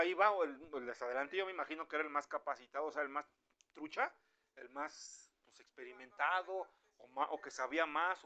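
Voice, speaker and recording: A man with a Mexican Spanish accent preaching an informal, conversational sermon, animated and acting out the voices of the people he quotes. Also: a little high, dull audio.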